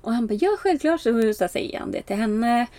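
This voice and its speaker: A young woman casually telling a story, animated, with many fillers, acting out the lines of people she quotes. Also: on the high side, dry recording. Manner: animated, acts out quoted exchanges with bright raised voice; frequent filler "bara" and "liksom", laughs at herself.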